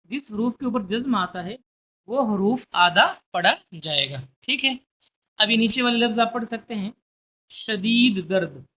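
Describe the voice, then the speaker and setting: A woman teaching an online language lesson, explaining letters and words slowly and deliberately, pausing often to check that students follow. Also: mid-range voice, bright, forceful tone. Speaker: Urdu teacher. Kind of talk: classroom lesson.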